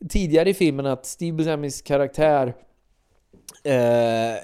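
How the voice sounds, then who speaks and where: Male podcast host, lively film chat, mid pitch, keeps recapping plots. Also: clear, resonant tone. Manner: animated, acts out film lines, many fillers.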